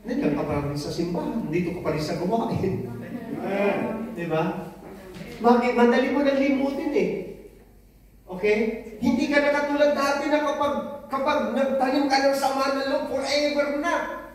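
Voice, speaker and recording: A woman's voice: sits high, fairly even intonation, normal speed. A woman giving a conversational sermon in church, often asking the congregation whether they agree. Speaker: preacher. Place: church hall. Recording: very echoey room, mic far off.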